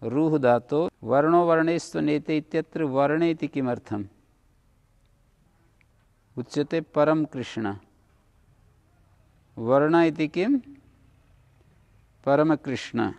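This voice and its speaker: A man's voice: a little high, takes it slowly, long pauses, darkish tone, no echo. A man teaching a Sanskrit grammar class, going through rules one by one and checking whether the students have understood. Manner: explains rule by rule, checks understanding. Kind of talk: classroom lecture.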